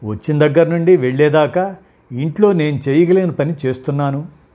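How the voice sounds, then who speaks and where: A proud working wife, quick to anger, her voice raised high and loud with a breathy rasp. She argues indignantly and will not back down, as a male storyteller puts her on. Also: lively intonation. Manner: shouting, indignant, heated. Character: angry young working wife, proud, sharp-tongued.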